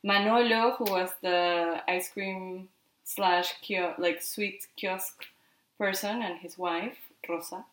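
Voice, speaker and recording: This low-quality recording features a woman in her twenties from Peru, a native Spanish speaker, chatting as a podcast guest with plenty of "like" and tag "no?". Her voice sits on the low side with fairly even intonation and a slow pace. The sound is roomy, with a little hiss or hum.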